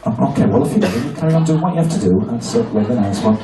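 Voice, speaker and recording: A man performing a live comedy hypnosis show on stage, mixing crude, cheeky banter with slow hypnotic patter. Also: medium pitch, lively intonation, background noise. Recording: echoey venue from far off, loud crowd. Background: laughing audience.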